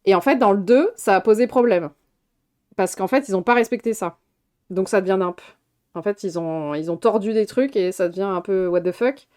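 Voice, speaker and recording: A woman's voice: mid-range voice, moderate pace, dark tone. A woman streamer chatting casually about films on a live stream, rambling, swearing and laughing often. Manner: chatty, rambling with restarts, reacting to chat.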